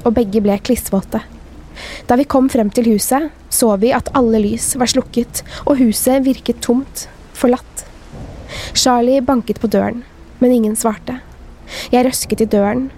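A woman hosting a podcast, reading scary stories in a measured, steady way and chatting casually afterward. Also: a little high, a little hiss or hum. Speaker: podcast host. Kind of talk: scripted horror story narration.

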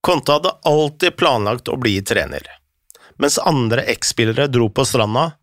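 Lively narrator telling a story, dry sound. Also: mid-range voice, no echo.

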